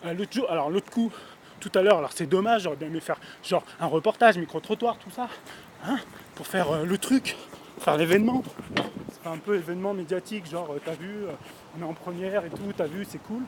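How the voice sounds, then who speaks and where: A young man with a notably high voice rambles through a mock-serious street report at night. He contradicts himself and swears, then backpedals. The sound comes from a handheld phone outdoors, with a faint rush of river noise behind him. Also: brisk. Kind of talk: rambling comic monologue. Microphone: phone held in hand.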